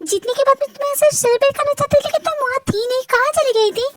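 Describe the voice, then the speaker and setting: A woman voices a bubbly young wife in a dubbed story drama. She is sassy and chatty, with a voice pitched even higher than the narrator's. The recording is dry and close. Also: very fast, dry recording, faint music behind.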